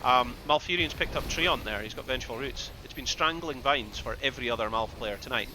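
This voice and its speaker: A man giving excitable live play-by-play commentary on an esports match, with bursts of loud exclamations. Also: mid-range voice, a little fast, noisy background. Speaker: esports caster.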